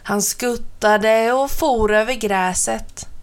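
A woman narrating a children's story in a gentle, expressive way. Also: on the high side.

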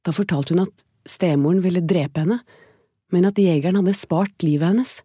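A woman reading a fairy tale aloud as a storyteller, calm, gentle and evenly paced. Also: lowish voice, husky, no room sound, clean studio sound.

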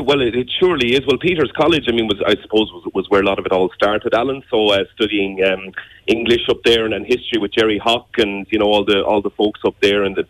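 A young man from Ireland speaks in a Wexford accent, quick and fairly low in pitch. He is a chatty interview guest who piles up words and doubles back on them, recorded close and dry. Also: fairly bright tone, no room sound, poor audio. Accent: Irish, Wexford. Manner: chatty, wordy, repeats words as he thinks aloud. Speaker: radio interview guest, journalist and presenter. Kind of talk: conversational radio interview.

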